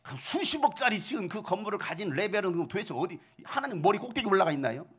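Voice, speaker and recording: 열정적으로 설교하는 중년 남성 목사. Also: male voice, sits high, fast, husky. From South Korea. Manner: animated preaching with rhetorical questions, sudden shouted outbursts. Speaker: pastor. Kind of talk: sermon.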